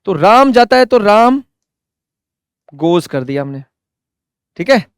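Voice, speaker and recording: A man teaching an English grammar lesson, loud and energetic, asking questions and answering them himself. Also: high-pitched, clear, resonant tone, no room sound, studio quality. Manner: drills example sentences slowly word by word. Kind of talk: classroom lesson.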